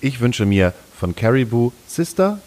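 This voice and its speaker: A man hosting a podcast in relaxed, joking chat with his guests. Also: medium pitch, a little slow. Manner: joking, playful. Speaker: podcast host. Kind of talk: casual chat.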